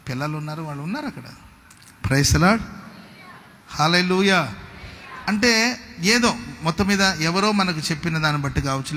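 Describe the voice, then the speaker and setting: A man, a pastor preaching a sermon to his congregation with call-and-response, moving between loud exclamations and soft storytelling. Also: fairly high pitch, a little hiss or hum.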